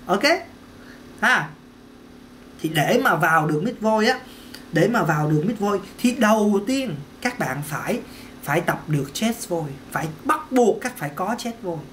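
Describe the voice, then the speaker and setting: A male voice teacher, talking through a casual singing lesson. His pitch swings up and down a lot as he explains, and he often repeats himself and tosses in quick "ok"s between points. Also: lively intonation, a bit bright, slight background noise. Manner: chatty, repeats words, peppers talk with "ok" and "đó". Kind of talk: casual vocal lesson to camera.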